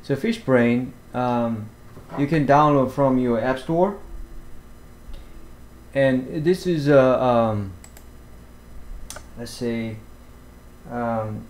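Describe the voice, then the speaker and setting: A man narrates a screen-recorded walkthrough of fishing apps at an unhurried, slow pace. His pitch sits mid-range for a man, and he stops often, filling gaps with "uh" and "um" and restarting his sentences. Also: darkish tone. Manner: halting, many fillers and restarts. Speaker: fishing vlogger. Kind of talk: screen-share app walkthrough. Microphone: voice-over to screen recording.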